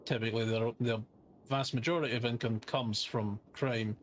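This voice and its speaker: Measured man testifying over background noise. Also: medium pitch, steady tone. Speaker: witness, a justice in role-play. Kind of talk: improvised courtroom role-play testimony.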